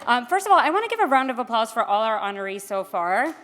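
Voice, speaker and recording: A woman's voice: a little high, very animated, fast, a crowd in the background, noisy background. A woman from Queens speaks at a gala podium. She is candid and self-deprecating, with an informal way of addressing the room. Her voice rings through a large, echoey hall. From Queens, New York. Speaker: gala speaker introducing an honoree. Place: large indoor event hall, public address. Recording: echoey hall with long reverb.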